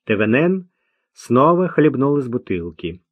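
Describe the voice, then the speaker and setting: A man reading an audiobook in a measured, even narration. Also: medium pitch, dry recording, highs cut off.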